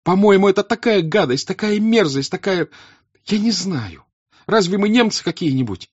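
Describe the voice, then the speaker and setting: A man voicing a passionate young noblewoman who bursts out in shrill, indignant pleas. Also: sing-song, brisk, a little mellow, breathy edge, lo-fi sound, heavily acted. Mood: furious pleading.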